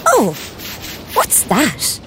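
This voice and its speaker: A woman's voice: a little high, wildly swooping pitch, extremely slow, fairly bright tone. A woman presenting an interactive story for young children, encouraging and speaking straight to the child.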